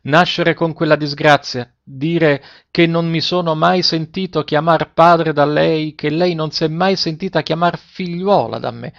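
A trembling, exclamatory gardener father, pushed up in pitch and full of feeling, as a man voices him in a storybook reading. The recording sounds slightly muffled and lo-fi. He pleads and marvels in turn. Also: fairly bright tone, no room sound. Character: grieving, overjoyed middle-aged gardener father. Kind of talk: audiobook reading.

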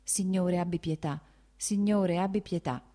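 A woman's voice: on the low side, steady tone, unhurried, warm tone, close to an everyday voice. A woman reading an audiobook, voicing a troubled young woman murmuring anxiously to herself.

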